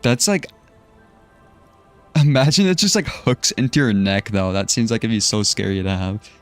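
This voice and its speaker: A man's voice: fairly low pitch, moderate pace, faint music behind. A man streaming a game live, commenting casually in a loose, joking way and swearing freely.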